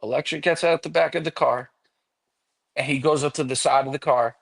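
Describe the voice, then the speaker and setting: A man's voice: a little high, fairly even intonation, a little fast, vocal fry, a bit bright. A man guesting on a podcast, telling a long story casually and animatedly, with frequent swearing.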